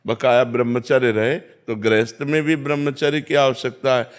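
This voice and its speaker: A man giving a devotional discourse as a spiritual teacher, calm and measured, instructing listeners and quoting scripture. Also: mid-range voice. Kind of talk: devotional discourse answering questions.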